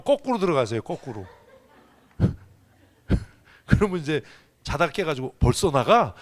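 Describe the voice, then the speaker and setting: A man preaching a sermon to his congregation in a church, casual and joking, often checking in with the listeners. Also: on the high side. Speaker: pastor. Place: church sanctuary.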